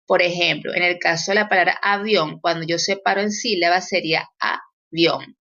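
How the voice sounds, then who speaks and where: A woman's voice: lowish voice, steady tone, a little fast, sharp tone, highs cut off. A woman teacher explaining grammar in a recorded lesson, with fillers and self-corrections.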